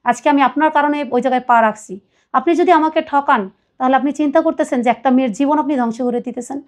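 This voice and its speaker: High-voiced woman telling a painful story. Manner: earnest, pleading, quotes others at length. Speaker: guest telling her life story. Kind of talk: emotional personal confession.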